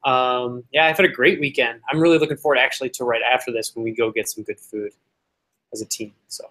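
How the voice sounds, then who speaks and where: A man talking at a casual team meeting, chatty and speaking in quick bursts. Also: mid-range voice, fairly even intonation, fairly bright tone. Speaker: meeting participant.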